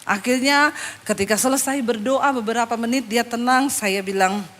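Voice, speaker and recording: Woman pastor, high-pitched, animated sermon storyteller with humor. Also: normal speed. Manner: animated, joking, swings between hushed asides and loud punchlines.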